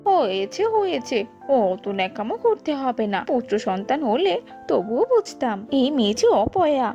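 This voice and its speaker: A sharp-tongued older mother-in-law scolds and sneers in a cartoon story, put on by a woman storyteller. Her voice sits lower than the storyteller's own. The audio is dull and lo-fi, with faint music behind it. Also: sing-song, moderate pace. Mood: scolding. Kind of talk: cartoon voice acting.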